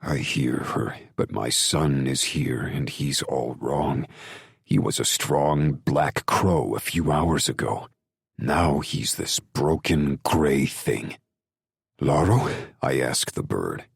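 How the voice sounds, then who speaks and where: Brooding male audiobook narrator; extremely deep, gravelly, slow, first-person and intense. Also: no echo, studio quality.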